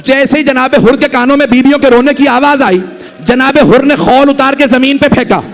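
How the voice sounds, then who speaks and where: A man's voice: very high voice, steady tone, normal speed, big-room sound. A male preacher delivering a mourning sermon. He tells the story with rising emotion and keeps urging the listeners to look at him. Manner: rising, impassioned delivery at peaks.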